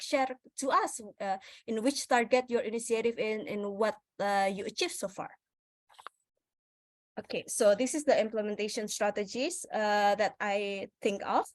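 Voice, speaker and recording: A woman's voice: on the high side, no room sound. A woman from Indonesia, not speaking her first language, giving a presentation to an audience, with many fillers and restarts. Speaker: speaker presenting on the goals at a festival session.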